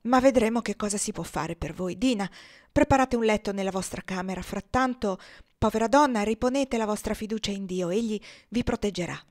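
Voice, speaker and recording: Storybook figure: compassionate, prudent wife, read by a woman, gentle and soothing. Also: mid-range voice, fairly quick, natural voice.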